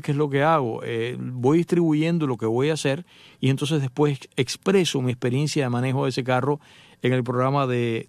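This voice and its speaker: A middle-aged man hosts a radio segment about cars, rattling off jokey anecdotes at a brisk clip. His voice sits a touch high and carries a gravelly rasp. The sound is dry and close, with no room around it. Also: darkish tone, no room sound. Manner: joking, chatty storyteller addressing listeners. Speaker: radio host and motoring journalist. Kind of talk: casual radio talk with anecdotes.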